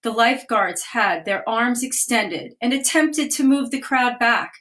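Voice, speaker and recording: Over a live video stream picked up by a phone or webcam, a children's author reads a picture book aloud in a slightly raised, fairly high, expressive voice. She takes each line at a measured, gentle pace and pauses now and then to point out details in the illustrations.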